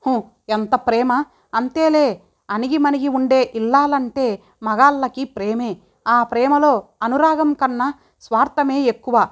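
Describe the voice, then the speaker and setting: A woman's voice: sits high, measured pace, long pauses. A woman voicing a stern, proud woman who owns the house, speaking in a cutting, confrontational way. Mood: scornful. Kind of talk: audiobook drama reading.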